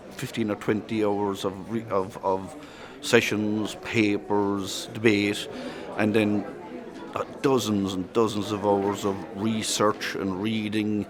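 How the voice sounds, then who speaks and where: Halting Irish man in his fifties. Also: on the low side. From Ireland. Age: 50s. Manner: halting, with repeated false starts. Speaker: citizens' assembly member. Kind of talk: interview talk.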